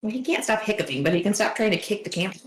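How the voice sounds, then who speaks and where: A woman's voice: mid-range voice, expressive, very fast, roomy sound, a little hiss or hum. A woman hosting a baking livestream, chatting casually and rambling with lots of "like" fillers. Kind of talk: casual chat while baking. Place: home kitchen.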